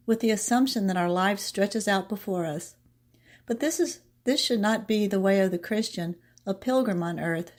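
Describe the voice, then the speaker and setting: Woman prof reading a devotional script, calm and measured, slows way down on the poem lines. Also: mid-range voice. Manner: measured, reads poetry slowly and deliberately. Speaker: professor presenting a short devotional segment.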